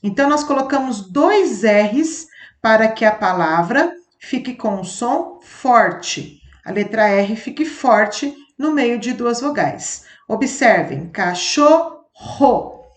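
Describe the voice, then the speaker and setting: A woman with a fairly high voice gives a classroom phonics lesson at a slow, deliberate pace. She drags out example words and enunciates every syllable carefully. Her voice echoes around the room. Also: lively intonation. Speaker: teacher.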